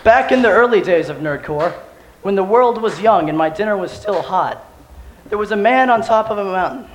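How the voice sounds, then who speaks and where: Hoarse man telling a mock-epic tale. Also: sits high, moderate pace, a little hiss or hum, low-quality recording. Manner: deadpan, wry, self-mocking. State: hoarse, has lost his voice. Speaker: nerdcore rapper performing live. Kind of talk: mock-epic storytelling to a live audience. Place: stage at a live show.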